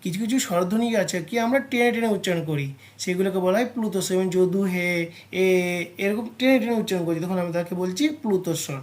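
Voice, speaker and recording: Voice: mid-range voice, a little mellow. West Bengal teacher quizzing students aloud. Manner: addresses students directly, poses and answers its own questions; spells out sounds slowly as examples. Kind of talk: exam-prep grammar lesson.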